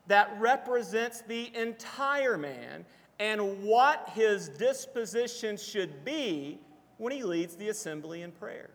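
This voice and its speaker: A man preaching a sermon to a congregation, explaining scripture in a measured teaching manner and slowing down for quotations. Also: high-pitched. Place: church assembly hall. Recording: long reverb of a church hall.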